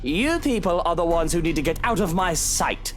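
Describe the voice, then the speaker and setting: A man's voice: on the high side, animated, moderate pace, faint music behind, close to an everyday voice. Smug rich man, mocking, voice swings a lot, an actor plays him. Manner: condescending, mocking. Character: smug arrogant wealthy mansion owner, man.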